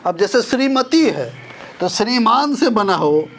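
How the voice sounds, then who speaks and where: An older man gives a careful spelling lesson in a high voice. He talks at an unhurried pace and repeats each example so it sinks in. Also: sing-song, creaky, a bit bright, a little hiss or hum. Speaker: Hindi teacher.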